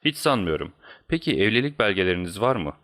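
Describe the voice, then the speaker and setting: A man's voice: fairly low pitch, very animated, quick pace, a bit bright. A man voicing a cool, commanding male detective who speaks in a cold, clipped way. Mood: coldly reasoned.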